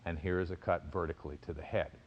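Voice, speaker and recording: A man with a fairly low voice teaches fencing as an instructor. He explains each technique in measured phrases and gives crisp, clipped commands. The recording is a little dull and muffled. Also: steady tone, slight background noise. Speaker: fencing and self-defense instructor. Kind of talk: instructional demonstration.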